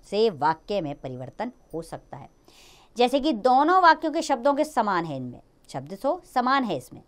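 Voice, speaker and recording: A young adult woman teaching a grammar lesson to children, slowing down to read out the example sentences. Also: a little high.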